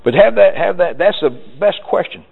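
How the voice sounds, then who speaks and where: A man with a fairly high voice gives a folksy sales talk, acting out customers' replies as he goes. He sounds tinny and lo-fi, as if heard over a phone line. Long reverb trails his words through a big hall. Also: moderate pace, vocal fry, breathy edge. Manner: folksy, animated storytelling with acted quotes. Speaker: sales trainer. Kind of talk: live sales seminar talk.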